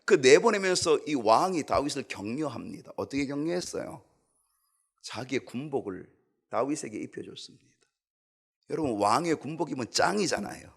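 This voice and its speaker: A man preaching a sermon as a church pastor, swinging from loud emphatic peaks to hushed low asides and briefly voicing the people in his story. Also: big pitch swings, normal speed, vocal fry, slightly rough. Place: church sanctuary.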